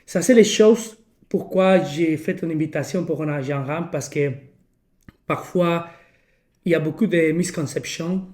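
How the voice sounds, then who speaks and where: A man who isn't a native French speaker hosts a casual podcast in French, his slightly high, darkish voice carrying a foreign accent. He hunts for words haltingly and slips English terms in here and there.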